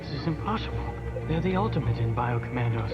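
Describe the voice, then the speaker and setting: A man's voice: mid-range voice, animated, quick pace. An actor playing an arrogant, power-hungry young male heir in an anime dub, haughty and scheming, heard from a worn VHS tape copy. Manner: haughty, scheming villain delivery. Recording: muffled worn tape with music.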